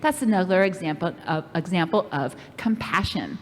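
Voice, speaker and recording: Animated woman teaching kids, echoey hall. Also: on the low side, normal speed, a little hiss or hum. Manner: animated and playful, speaking straight to kids. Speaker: children's program leader. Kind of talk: children's Bible-camp lesson. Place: church.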